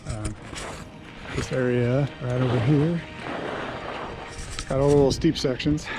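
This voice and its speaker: A man's voice: mid-range voice, fairly even intonation, a little slow, music in the background. A man vlogging outdoors on a mountain bike trail, talking casually with lots of ums and you-knows into an action camera he wears. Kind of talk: casual trailside vlog talk. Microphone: action camera worn while riding.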